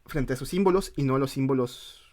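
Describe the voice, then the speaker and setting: A man's voice: medium pitch, fairly quick, darkish tone. A man with a Mexican accent, co-hosting a casual podcast chat and often restarting his sentences as he thinks aloud. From northern Mexico. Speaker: podcast co-host.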